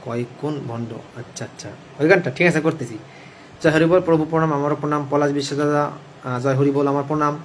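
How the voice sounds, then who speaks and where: A man who sings devotional hymns slowly and breaks off to explain them casually to listeners. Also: fairly high pitch, steady tone, a little hiss or hum. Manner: chants slowly, then explains casually to viewers. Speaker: devotional singer and reader. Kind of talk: sung hymn recitation with spoken commentary.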